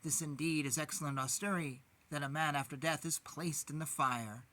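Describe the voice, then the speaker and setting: Man reciting scripture in a bright voice. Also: a little high. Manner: steady, measured recitation. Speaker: podcast host reading scripture. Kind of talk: scripture reading.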